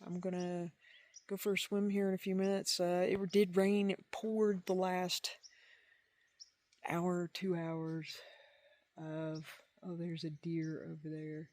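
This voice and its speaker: A backpacker recording a casual, unscripted video diary outdoors at a lakeside camp, pausing and trailing off between thoughts. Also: mid-range voice, level tone, darkish tone. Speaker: backpacker vlogging a long trail hike. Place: outdoors at a campsite by a wilderness lake.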